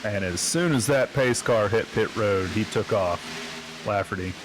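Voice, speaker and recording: Laid-back low-voiced male color commentator. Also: unhurried, noisy background. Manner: relaxed, hesitant with frequent fillers. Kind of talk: sim racing color commentary.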